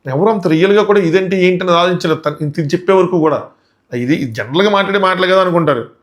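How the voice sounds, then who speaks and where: A man's voice: high voice, quick pace. A man reviewing a reality show in casual commentary, indignant and full of rhetorical questions.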